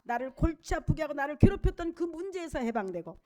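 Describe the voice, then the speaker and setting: A woman's voice: high voice, big pitch swings, fast, mellow. A middle-aged woman pastor delivering a church sermon in an emphatic, conversational way and weaving in personal stories. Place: church service.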